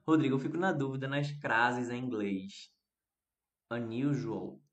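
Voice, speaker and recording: A man's voice: medium pitch, normal speed, roomy sound, noisy background. A man with a Brazilian Portuguese accent, teaching English on a live stream, explaining step by step, repeating examples and answering viewer comments.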